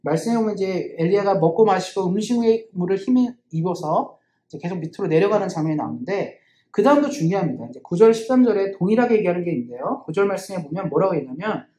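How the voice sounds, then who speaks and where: A woman's voice: on the low side, animated, fast, warm tone, echoey room. A woman pastor preaching a sermon in church in an earnest, conversational way, asking rhetorical questions.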